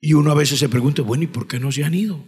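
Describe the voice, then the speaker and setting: A Colombian pastor preaching a Pentecostal sermon with a Colombian Spanish accent, moving from quiet scripture reading to shouted, fervent exhortation. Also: male voice, a little high, rapid-fire, breathy edge. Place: church sanctuary. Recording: church hall with long reverb.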